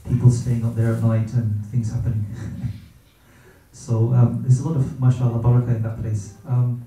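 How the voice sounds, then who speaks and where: His pitch barely moves as this middle-aged man recounts personal experience in a reflective religious talk. The voice is deep, mellow and very dark, and the manner is gentle, reverent and slow, often halting on fillers while he thinks. Distant from the microphone, he is surrounded by heavy room echo.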